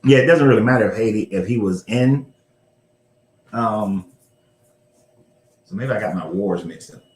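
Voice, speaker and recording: This history-show host speaks a little slowly in a lowish voice, keeping things casual with occasional swearing and self-corrections. His recording carries a roomy echo.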